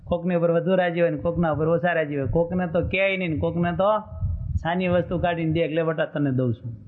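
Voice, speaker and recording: A man's voice: on the high side, flat delivery, quick pace. A man, a monk giving a sermon in a colloquial, teasing storytelling manner, on a tinny phone-like recording. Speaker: monk preacher.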